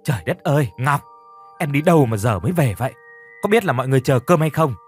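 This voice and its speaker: A man's voice: medium pitch, expressive, quick pace, soft background music, pitched above the performer's own voice, natural voice. A man voicing a hesitant, placating young husband in an audio story. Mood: anxious. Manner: hesitant, apologetic.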